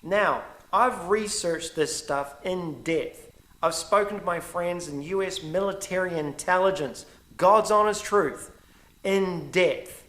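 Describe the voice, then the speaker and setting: A middle-aged man with a New Zealand accent talks straight to his viewers in an indignant, emphatic monologue that wanders into asides. His voice sits a little high for a man. The room around him is echoey and reverberant. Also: slow, fairly bright tone. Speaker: vlogger. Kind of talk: direct-to-camera opinion monologue.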